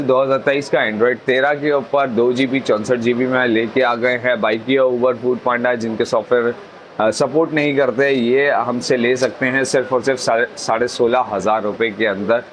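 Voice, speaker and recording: A faint steady hum sits behind a man with a Pakistani accent delivering a shop sales pitch. His mid-pitched voice runs through models and prices in repetitive, salesman-like patter. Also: rough recording. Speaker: mobile phone shop presenter.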